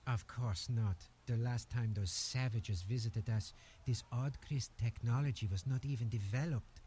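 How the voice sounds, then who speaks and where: A man voicing a slow, fussy voice collector. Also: mid-range voice, warm tone, a little hiss or hum, close to an everyday voice. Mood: haughty. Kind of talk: game voice acting.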